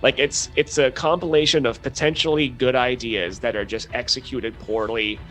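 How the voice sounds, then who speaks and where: A man co-hosting a podcast, talking at a middling pitch in a blunt, wry way, full of "you know" and "um". Faint music sits under his voice. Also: steady tone, normal speed, fairly bright tone, low-quality recording. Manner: blunt, wry, many fillers. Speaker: podcast co-host. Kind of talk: casual chat.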